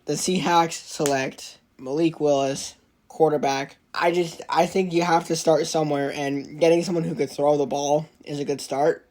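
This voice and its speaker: A man's voice: fairly high pitch, steady tone, moderate pace, a little mellow. A man co-hosting a casual sports podcast, rambling and restarting his sentences.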